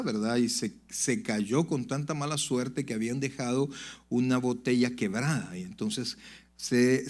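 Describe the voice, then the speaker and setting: A man preaching a sermon to his congregation, swinging from loud emphatic peaks to low confiding asides and calling out "brother" to the listeners. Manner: addresses the congregation directly, "brother". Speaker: pastor. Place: church sanctuary.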